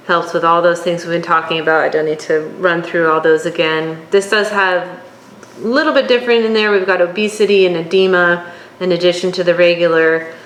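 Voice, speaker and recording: Woman teaching off her notes, slow and kinda low, echoey room w/ faint hum. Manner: reads from notes, unhurried, occasional fillers. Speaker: instructor. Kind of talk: lecture on herbal oils.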